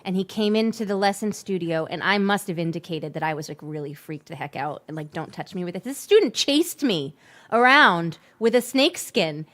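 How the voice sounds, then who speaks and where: A woman with a touch of vocal fry, chatting casually and animatedly as co-host. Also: fairly low pitch, animated, normal speed, a bit bright. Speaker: music teacher and co-host. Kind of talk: casual chat.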